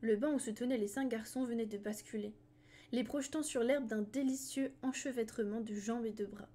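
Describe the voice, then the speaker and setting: A woman reading a novel aloud on a live stream, unhurried, pausing to correct her slips. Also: fairly high pitch, mellow.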